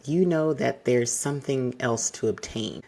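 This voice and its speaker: Speaking straight to his audience, this advice podcast host has a husky, gravel-edged voice at a medium pitch. He stays largely monotone, choosing his words in a careful, precise way.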